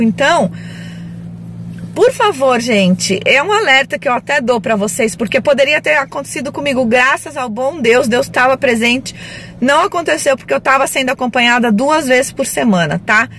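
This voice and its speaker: A woman's voice: on the high side, fairly bright tone, a little hiss or hum. A woman vlogger talking straight to her viewers in a casual, earnest way, full of little check-ins like "tá?" and "né?". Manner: earnest, warning tone, speaks directly to viewers; chatty, many fillers like "tá?" and "né?". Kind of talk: casual vlog talk to camera.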